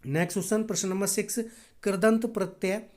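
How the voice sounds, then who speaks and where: A woman's voice: steady tone, fairly quick. A woman teaching an exam-prep grammar lesson, calling viewers friends and answering her own questions. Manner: drops low and soft on key answers.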